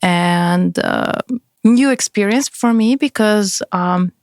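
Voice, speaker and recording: A woman's voice: medium pitch, slow pace, a little mellow, no echo, clean studio sound. Hesitant young woman from kazakhstan. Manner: hesitant, many fillers, non-native phrasing. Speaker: music artist guest. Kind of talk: casual interview chat. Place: recording studio.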